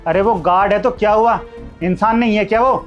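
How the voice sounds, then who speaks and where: A man's voice: high-pitched, a little fast, lo-fi sound, soft background music, natural voice. A man playing a husband who lectures his wife about treating a guard with respect. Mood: stern. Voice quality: lecturing, moralising. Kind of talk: amateur short-film acting.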